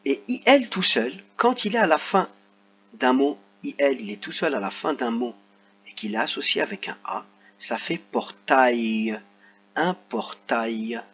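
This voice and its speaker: A man teaching a reading lesson to young children, sounding out letters and stretching words slowly. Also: mid-range voice, lively intonation, fairly bright tone, a little hiss or hum. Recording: slightly dull lo-fi sound.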